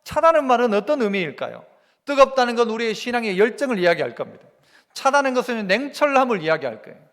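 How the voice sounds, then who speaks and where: Male pastor, Gyeongsang accent, high lively preaching voice, long church reverb. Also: quick pace. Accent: Gyeongsang Korean. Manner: animated preaching, rhetorical questions to the congregation. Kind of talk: sermon. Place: church sanctuary.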